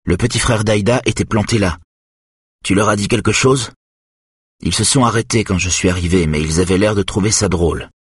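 An awkward, anxious teenage boy, as a man reading a novel puts him on. The voice is lifted above the reader's own and sounds slightly husky. He snaps or pleads with his mother. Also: lowish voice, fairly quick, no room sound, studio quality, voice pushed up. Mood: uneasy. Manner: curt, pleading. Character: anxious teenage son, embarrassed and curt.

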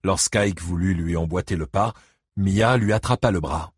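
A man narrating an audiobook with steady, scripted storytelling. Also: sits low, normal speed, breathy edge, no room sound, clean studio sound.

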